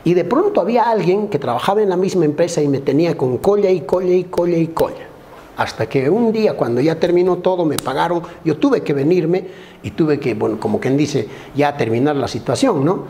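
A Bolivian man telling jokes, playfully acting out characters in squeaky voices. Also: expressive, a little fast, warm tone, a little hiss or hum. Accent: Bolivian Spanish. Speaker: comedian. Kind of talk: stand-up joke telling.

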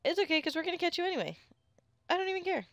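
Excitable woman narrating her gameplay. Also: very high voice, very fast, no echo, clean studio sound. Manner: chatty, excitable, squeals at finds. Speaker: let's play gamer. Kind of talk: casual gameplay commentary.

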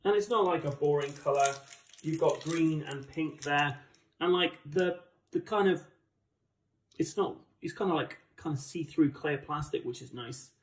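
A man's voice: on the high side, unhurried. A man with an English accent giving chatty, enthusiastic, casual unboxing commentary as a board game channel host. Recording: roomy, distant microphone.

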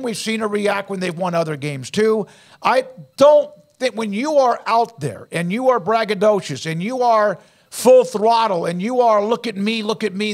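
A man in his sixties hosting a sports talk show in a studio, firm and opinionated, building points in lists. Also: high voice. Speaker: lead sports talk host. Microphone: studio mic with headphones.

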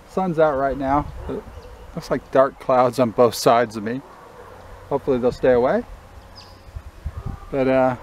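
A middle-aged man talking casually to the camera on a riverbank, in a relaxed, matter-of-fact way with small restarts. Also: mid-range voice, a little hiss or hum. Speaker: fishing vlogger. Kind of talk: casual outdoor commentary. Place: riverbank outdoors. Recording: faint outdoor nature ambience.

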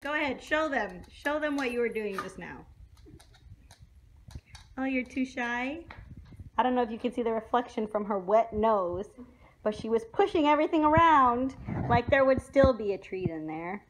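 On a noisy handheld phone recording, a woman in her twenties vlogs casually and playfully from small indoor rooms and a parked car, holding the phone at arm's length. She sounds high-pitched and animated, talking at normal speed.

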